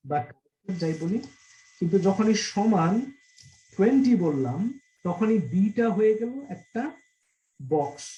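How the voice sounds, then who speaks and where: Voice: mid-range voice, dark tone, lo-fi sound. A programming teacher giving an online class lesson, explaining by stringing several synonyms together and often checking in with the class. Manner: asks the class frequent check questions.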